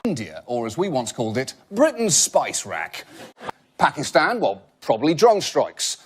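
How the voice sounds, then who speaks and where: A man's voice: mid-range voice, huge pitch swings, unhurried. A British man hosting a comedy show, delivering a scripted satirical monologue with sarcastic, punchy timing. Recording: noisy broadcast audio with audience laughter.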